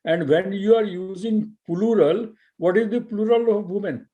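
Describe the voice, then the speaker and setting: A man's voice: high-pitched, mellow, lo-fi sound. A man teaching a spoken class, patiently correcting pronunciation with frequent hesitations. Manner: patient, corrects pronunciation slowly with many fillers. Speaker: English teacher. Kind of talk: online spoken English class.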